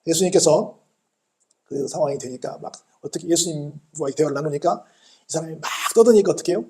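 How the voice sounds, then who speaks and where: A male pastor preaching a sermon in church, animated and putting many questions to the congregation. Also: on the high side, a little fast.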